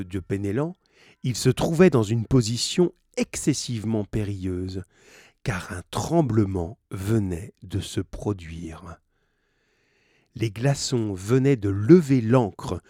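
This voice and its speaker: A man's voice: on the low side, dark tone, slightly rough, no room sound, studio quality. A man reading a novel aloud, stopping now and then to restate hard words in plain terms. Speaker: reader of a novel.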